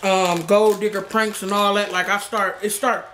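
Young adult YouTuber, medium pitch, blunt and slangy, casual Q&A chat, echoey living room, faint noise. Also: little pitch movement, normal speed, fairly bright tone. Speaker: YouTuber host. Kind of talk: casual chatty Q&A. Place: small living room, indoors. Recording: roomy sound with background noise.

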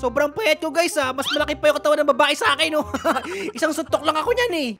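Playful woman gaming host, high voice, teasing and self-mocking commentary over game music. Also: fast talker, gravelly.

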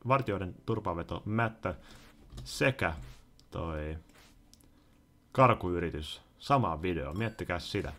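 A young man commentating his own gameplay in a let's play, muttering to himself and then bursting out loudly. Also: deep voice. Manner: excitable, talks to himself, swings from mutters to loud outbursts. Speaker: gaming YouTuber.

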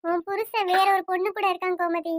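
A woman's voice: very high voice, steady tone, fairly quick, no echo, clean studio sound. A woman voicing a fretful, pleading village auntie. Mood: earnest. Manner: pleading, apologetic, repeats 'akka'. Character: worried village woman, family friend. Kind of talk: cartoon voice acting.

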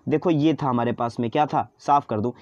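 A man's voice: mid-range voice, fairly quick, darkish tone, no room sound, highs cut off. A man teaching an online chemistry lesson in mix, chatty and coaxing, often repeating his own questions to students.

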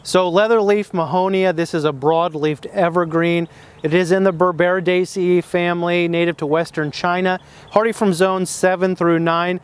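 A man with a high, smooth, resonant voice teaches plant identification outdoors. He talks unscripted and hesitant, with frequent fillers and restarts, and traffic can be heard somewhere nearby. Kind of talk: casual outdoor plant lesson.

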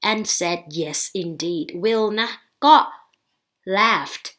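A woman's voice: mid-range voice, bright, forceful tone. A woman teacher from Thailand reads a short story aloud line by line, then explains each phrase in chatty, polite speech. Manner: reads English lines slowly, then explains in chatty Thai full of polite particles. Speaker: English teacher.

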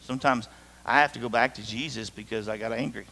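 A man's voice: mid-range voice, steady tone, fast, pushed and bright. A middle-aged man preaching a sermon as pastor, conversational and joking, speaking straight to his congregation. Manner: conversational, jokey, talks to the congregation directly. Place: church sanctuary. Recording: reverberant church hall.

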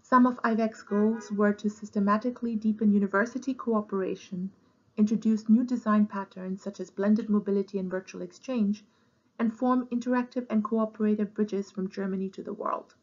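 A woman's voice: mid-range voice, steady tone, lo-fi sound. Woman reading a formal presentation. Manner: measured, formal read-aloud delivery. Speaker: program director presenting a conference poster. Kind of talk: scripted presentation.

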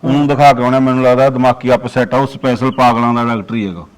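A man's voice: medium pitch, steady tone, fast, smooth, natural voice. A man playing a tired father complaining about his wife. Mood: weary. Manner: tired, grumbling, resigned. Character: weary older father, fed up with his wife. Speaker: father in a comedy sketch. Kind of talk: comic village drama.

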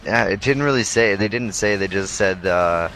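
A man co-commentating a video game match in a laid-back, halting way. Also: on the low side, a bit bright, slight background noise, poor audio. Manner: laid-back, hesitant with many fillers. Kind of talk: casual esports commentary.

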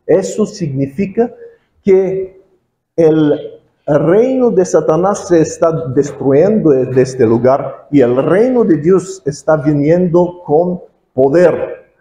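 A man preaching a sermon as an evangelist in a learned language, halting, with many pauses and restarts. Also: fairly high pitch, animated, mellow, reverberant, low-quality recording.

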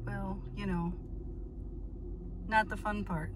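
A middle-aged Minnesota woman vlogs casually to a phone held at arm's length, speaking at medium pitch with a steady tone and slow pace over background noise. A chatty, self-amused travel vlogger, she rambles on camera from a car and then on snowy ski trails, out of breath at altitude.

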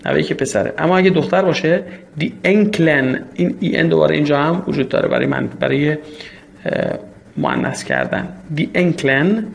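Male language teacher, native Persian, gravelly and a bit high, slow drill reading. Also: big pitch swings. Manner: reads each word and repeats it slowly for students to echo. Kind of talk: vocabulary lesson with repetition drills.

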